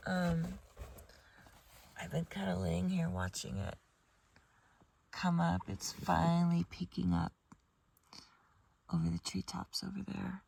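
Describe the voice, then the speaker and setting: A woman vlogger with a groggy morning voice, chatting softly and sometimes in a hush from inside her small car camper. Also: on the low side, slow pace, creaky, long pauses, husky. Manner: soft-spoken, chatty, often hushed. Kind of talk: casual vlog chat.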